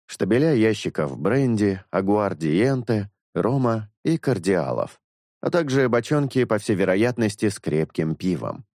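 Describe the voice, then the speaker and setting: A man narrates a literary novel in a measured, deliberate way, stretching out dramatic phrases. His voice sits fairly low and sounds dry and close, with no room echo. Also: dark tone. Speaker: audiobook narrator.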